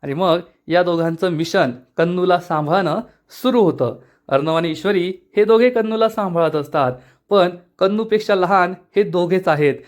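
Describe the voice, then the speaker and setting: A man narrating a recap of a TV serial episode in a steady storytelling manner. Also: sits high, moderate pace. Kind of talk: retelling a TV episode.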